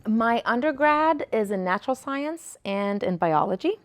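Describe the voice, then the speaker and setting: A woman's voice: on the high side, expressive, normal speed. A woman from Kuwait whose first language is Arabic, a guest in a studio interview, telling her story with hesitations and restarts. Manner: hesitant, restarts and fillers while recounting. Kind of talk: casual interview. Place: local TV studio.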